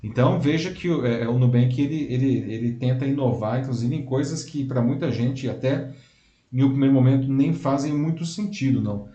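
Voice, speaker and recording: A man's voice: medium pitch, brisk, dark tone, echoey room, lo-fi sound. A man co-hosting a live talk show, explaining at length in casual commentary and ending his points with tag questions. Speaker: co-host.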